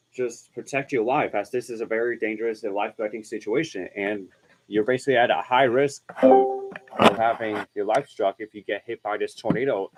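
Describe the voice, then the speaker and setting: A man hosting amateur live severe weather coverage, relaying terse radio-style updates in a halting way, often repeating and restarting his phrases. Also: fairly low pitch, low-quality recording. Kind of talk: improvised live storm coverage commentary.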